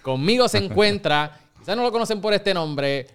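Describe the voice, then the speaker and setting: A man hosting a podcast interview, speaking in a friendly, quick casual manner. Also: high-pitched, expressive, clear, resonant tone. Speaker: podcast host.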